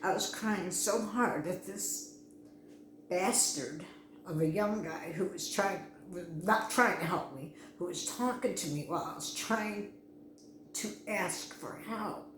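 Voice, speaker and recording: A woman's voice: lowish voice, takes it slowly, noisy background. Anxious rambling woman in an echoey room. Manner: anxious, rambling, frequent restarts. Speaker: vlogger. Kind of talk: casual personal vlog. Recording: echoey room with faint ambience.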